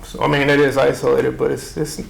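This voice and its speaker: A man from New Orleans hosting a college football show, interviewing coaches and players in a relaxed, chatty way. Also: medium pitch, a little fast, gravelly, poor audio. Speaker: show host. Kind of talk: casual sports interview.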